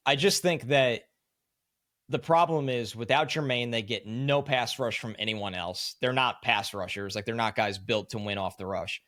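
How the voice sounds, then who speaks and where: Male podcast co-host, mid-pitched, analytical, dry close recording. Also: moderate pace, fairly bright tone, no room sound. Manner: analytical, talks in long run-on explanations. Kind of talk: casual sports analysis chat.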